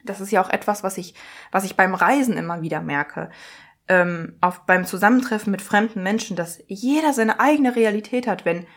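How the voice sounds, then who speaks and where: A woman podcast host and coach telling an everyday story in a chatty, lively way, acting out other people's lines and mixing English words into her speech. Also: mid-range voice, normal speed. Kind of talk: casual storytelling monologue.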